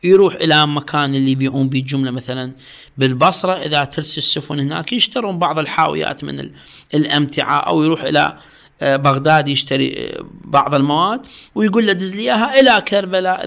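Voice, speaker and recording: Iraqi male teacher, high gravelly voice, slow text reading then explaining and quizzing students. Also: a bit bright. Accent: Iraqi Arabic. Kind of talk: religious law lesson.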